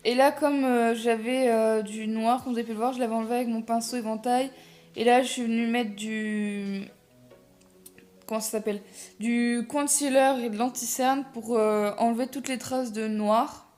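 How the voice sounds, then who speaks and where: A woman's voice: fairly high pitch, fairly even intonation, normal speed, darkish tone. Chatty young woman, faint music behind. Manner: chatty, self-deprecating, many fillers and restarts. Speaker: makeup vlogger. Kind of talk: casual makeup tutorial voice-over.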